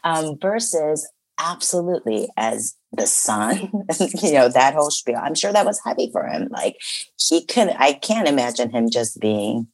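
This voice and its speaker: Very low-voiced reflective woman. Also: very animated, unhurried, gravelly, no room sound. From Chicago area, USA. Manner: reflective and chatty, many fillers and laughs. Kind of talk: casual conversation.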